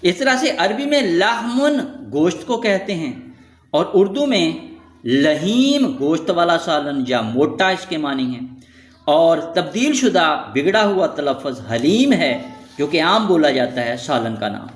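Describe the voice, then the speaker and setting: A man teaching a lesson in scripted narration, reading out lists of words slowly and stressing each one. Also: fairly high pitch, big pitch swings, roomy sound. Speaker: Quranic Arabic teacher.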